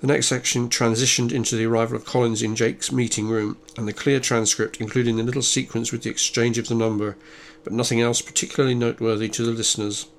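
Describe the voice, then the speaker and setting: Even-toned man reading a novel. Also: medium pitch, fast talker, hardly any pauses, a little hiss or hum. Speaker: audiobook narrator. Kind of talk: scripted narration.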